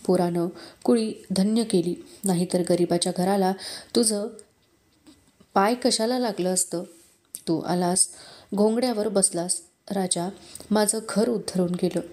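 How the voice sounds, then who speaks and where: A woman's voice: mid-range voice, unhurried, pauses often, warm tone, lightly acted. A woman reading the lines of an elderly, humble village farmer in an audiobook of a historical novel, with rustic, earnest speech. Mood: grateful. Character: elderly male village farmer, humble, grieving, proud of his son.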